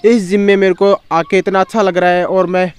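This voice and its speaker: A young man visiting as a guest, politely and warmly thanking his host in casual talk at an outdoor gym. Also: high-pitched, level tone, a little fast, clear, resonant tone. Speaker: visiting guest fitness vlogger.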